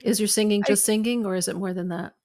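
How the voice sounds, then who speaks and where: A woman hosting a podcast interview, asking questions attentively and backing the guest with soft "mm-hmm"s. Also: mid-range voice, steady tone, fast talker. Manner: attentive, frequent soft backchannels.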